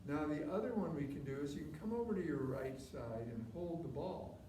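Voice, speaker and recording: A man instructing a tai chi class live, giving short step-by-step movement cues in an informal, gently encouraging way. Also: on the high side, expressive, fairly quick. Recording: distant mic, roomy echo, clear background noise.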